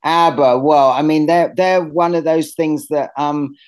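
A man's voice: fairly high pitch, steady tone, measured pace. A man with a British accent being interviewed as an artist, talking casually in a hesitant, rambling, anecdotal and blunt way.

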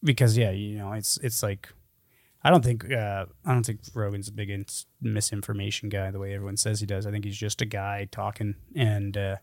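A man's voice: on the low side, little pitch movement, fairly quick, no echo. A young man co-hosting a podcast in casual chat, rambling and swearing with lots of fillers. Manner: rambling, profane, full of fillers. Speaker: podcast co-host.

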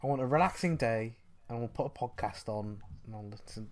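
A man's voice: medium pitch, fairly quick, a little mellow. A man chatting casually on a podcast, blunt and rambling, swearing freely. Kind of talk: casual chat.

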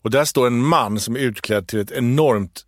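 Lively man telling a story. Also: medium pitch, dry recording, studio quality. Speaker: podcast co-host. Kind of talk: casual chat and storytelling.

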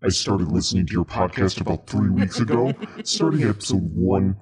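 A man reading listener reviews aloud on a podcast in a slow, spooky put-on voice. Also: low voice, expressive, darkish tone, breathy edge.

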